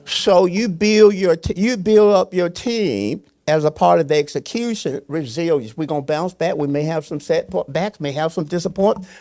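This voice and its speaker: An older man, a pastor serving as a panelist, speaks off the cuff in an unscripted motivational panel talk, driving his points home preacher-style with short, repeated phrases. His voice is on the high side and darkish, at a moderate pace.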